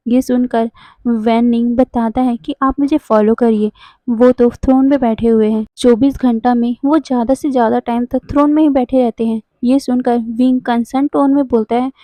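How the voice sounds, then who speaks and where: A woman's voice: a little high, steady tone, moderate pace, dark tone, dry recording. A young woman retelling a story in a casual, conversational way, often correcting herself mid-sentence. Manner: conversational, with frequent self-corrections.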